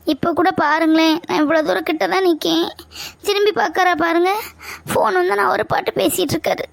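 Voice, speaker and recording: A woman's voice: very high-pitched, fairly even intonation, a little fast, creaky, dry recording, full character voice. A woman playing a hurt, tearful young woman in an amateur family skit, insisting she wants no more contact with her fiancé. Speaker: younger sister figure.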